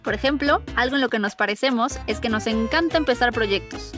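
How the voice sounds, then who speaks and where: A woman's voice: a little high, a little fast, music in the background. A woman, a podcast host asking questions in casual chat. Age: 30s.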